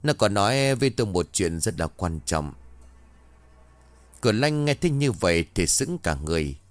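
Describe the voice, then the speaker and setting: A man tells a ghost story in a deep, low voice. His delivery is steady and matter-of-fact. The recording is dry and close to the mic. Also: moderate pace, dry recording. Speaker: narrator.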